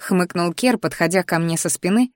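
A woman narrating a fantasy story aloud with lively storytelling. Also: fairly low pitch, normal speed, no echo, clean studio sound. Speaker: audiobook narrator. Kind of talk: scripted narration.

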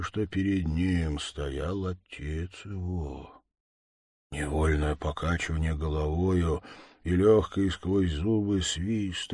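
Male storybook narrator, lively and animated; dry, close sound. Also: low-pitched, husky, no echo.

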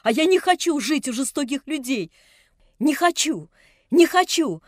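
A woman reading an audiobook, voicing a distraught young girl who shouts defiantly through tears. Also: expressive, fairly quick, dry recording, studio quality. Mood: furious tearful. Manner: shrill, tearful, defiant outbursts.

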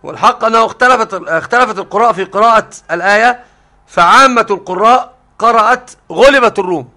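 A man's voice: high-pitched, fast talker, bright, forceful tone. A man teaching a scholarly religious lesson, explaining the text step by step. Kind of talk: scholarly lesson on Quran readings.

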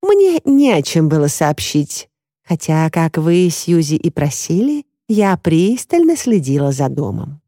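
A woman's voice: low voice, very animated, measured pace, warm tone, no echo, studio quality, heavily acted. A woman reading the lines of a nosy, disapproving woman neighbour in an audiobook. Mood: confiding.

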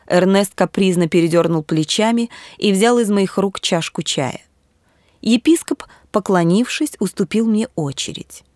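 A woman with a mid-range voice narrates a literary audiobook in a measured, steady manner. The recording is dry and close, with no room sound.

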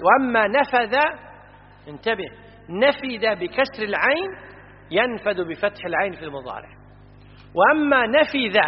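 High-voiced man teaching grammar in a reverberant hall. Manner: explanatory, quizzing students, stresses vowel patterns. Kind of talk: classroom lecture on classical grammar. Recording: dull lo-fi audio with long hall reverb.

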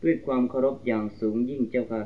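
A man reads a letter aloud in a formal, even voice. He sits some way off the microphone. The sound is thin and phone-like, like an old tape copy. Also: medium pitch, fast, slight background noise. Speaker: reader of a disciple's letter. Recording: distant, tinny lo-fi archival tape.

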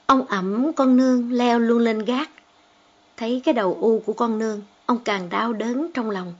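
A woman narrating a storybook in a steady, measured way. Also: on the high side. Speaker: audiobook reader. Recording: dull lo-fi audio with faint background music.

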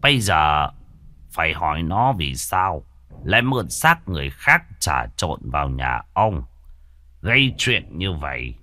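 A man voicing a calm, knowing exorcist who speaks slowly in a ghost story. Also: rumbling low, voice pushed down, heavily acted. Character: calm, cunning male exorcist, middle-aged.

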